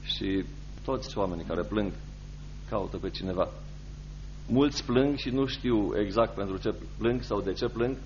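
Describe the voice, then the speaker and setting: A male pastor reading scripture and preaching a sermon, measured and pausing between short phrases. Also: on the low side, a little hiss or hum. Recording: slightly dull radio recording with faint music.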